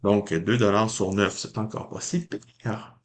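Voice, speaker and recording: Unhurried low-voiced Québécois man. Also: steady tone, slight background noise. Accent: Québécois French. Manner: chatty, addresses viewers as ladies and gentlemen, mild mock drama. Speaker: lottery scratch-card vlogger. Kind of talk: casual commentary while scratching tickets.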